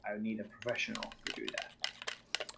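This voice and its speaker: A man's voice: fairly low pitch, big pitch swings, moderate pace, creaky, sharp tone, a little hiss or hum. A man playing a tabletop role-playing game, talking casually and searching for his words. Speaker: player.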